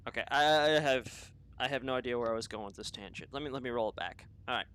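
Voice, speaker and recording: A man's voice: medium pitch, fast talker, fairly bright tone, a little hiss or hum, rough recording. A man hosting an unscripted opinion podcast, talking in a rambling, profane monologue full of restarts and tangents. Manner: rambling, profane, self-interrupting. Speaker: podcast host.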